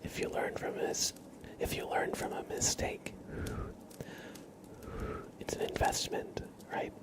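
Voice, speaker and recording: With a soft, breathy whisper, a man streaming ASMR speaks haltingly, reassuring listeners gently through positive affirmations.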